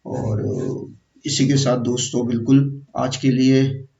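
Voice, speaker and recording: Male teacher running an exam-prep grammar lesson, quizzes the viewer, gravelly low-key voice, heard from afar in an echoey room. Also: level tone, mellow. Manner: slow, repetitive, quizzing the viewer. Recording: echoey, distant, dull room sound.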